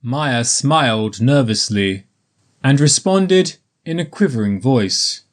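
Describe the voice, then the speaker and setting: A man narrating a graded story for English learners in a slow, careful, evenly paced reading. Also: mid-range voice, expressive.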